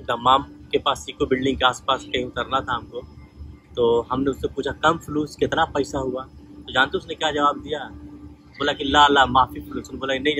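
A man's voice: medium pitch, a bit bright, slightly rough, rough recording. A man telling personal stories in a casual monologue, acting out the lines of people in them. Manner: conversational, retells dialogues in quoted voices. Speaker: vlogger sharing life lessons.

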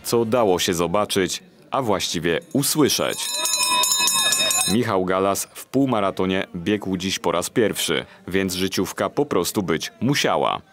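A man reads a local news report in a steady, measured voice. His voice sits very low, and the narration is even and unhurried.

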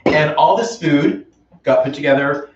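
A man's voice: a little high, a little slow. A man hosting a casual live-stream cooking show from home, chatty and enthusiastic, reading viewer comments aloud. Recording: roomy, distant, dull live-stream audio.

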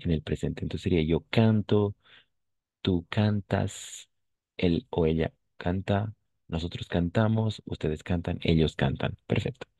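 Gravelly low-voiced man teaching French. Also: dark tone, dry recording. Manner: patient, repeats and spells words out slowly. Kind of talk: online language lesson.

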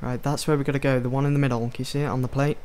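A man's voice: mid-range voice, flat delivery, very fast, a little mellow, slight background noise. A man hosting a casual let's play, chatting, joking and thinking aloud as he plays. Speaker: gaming video host. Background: game music.

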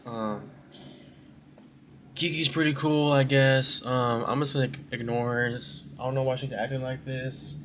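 A young man with an ordinary mid-pitched voice talks to his phone camera in a loose, rambling vlog. He keeps things laid-back and slips "bro" into many lines. Clear background ambience and outdoor noise run under his voice. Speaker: vlogger. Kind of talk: casual daily vlog. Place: at home, then outdoors by a river.

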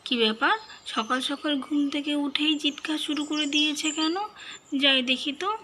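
A woman playing a busy mother in a doll storybook who talks briskly and nags. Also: high-pitched, steady tone, noisy background, natural voice. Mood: concerned. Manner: brisk, nagging, half-muttering to herself.

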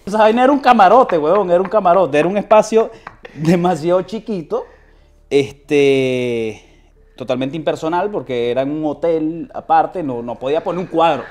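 This young Venezuelan guest has a fairly high pitch and lively intonation, speaking at a normal speed with a Venezuelan accent. During a casual interview on a living room sofa, he tells slangy stories full of quoted voices and frequent restarts. His audio comes from a lapel mic.

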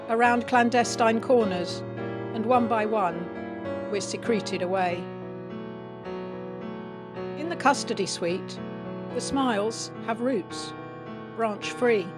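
Brief: woman, very slow, soft reflective poetry reading, loud piano underneath. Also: on the high side. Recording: voice over loud piano music.

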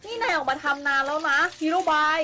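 A woman's voice: high voice, animated, quick pace. A woman playing a bossy nagging wife. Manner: imperious, nagging commands. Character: bossy demanding wife, adult woman, lazy and domineering. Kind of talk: Thai fan dub of a game cartoon. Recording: music playing underneath.

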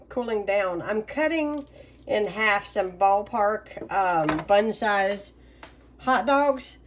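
A middle-aged woman chatting casually through a home baking vlog, relaxed and talkative with plenty of ums. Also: mid-range voice. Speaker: home cooking vlogger. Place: home kitchen.

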